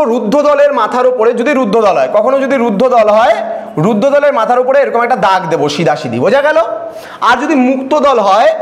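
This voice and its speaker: A man's voice: very high voice, roomy sound. A male tutor teaching a classroom lesson, patient, asking his students questions and repeating points.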